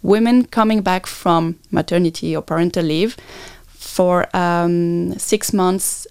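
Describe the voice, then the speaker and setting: A woman's voice: fairly low pitch, fairly even intonation, takes it slowly, darkish tone, smooth, no room sound, studio quality. A native French-speaking woman with a French accent, explaining things earnestly as a guest in a conversational interview. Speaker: podcast guest, maternity consultant.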